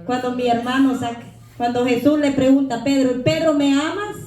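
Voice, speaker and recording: A middle-aged woman, a lay preacher, delivers a humble, earnest, conversational sermon in a church sanctuary, and the room sounds echoey. Her voice is high and darkish, with fairly even intonation and a moderate pace.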